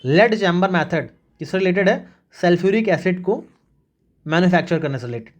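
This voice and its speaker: Brisk male exam tutor, lo-fi audio. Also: sits high, animated. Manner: brisk, repetitive drilling with frequent "याद रखना" and "ठीक है". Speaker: exam-prep teacher. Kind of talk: mnemonic-driven exam revision lecture.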